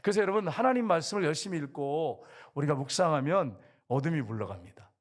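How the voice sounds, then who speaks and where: A man's voice: on the high side, animated, fast. A man preaching a sermon to his congregation, acting out quoted lines and addressing the listeners directly. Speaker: pastor.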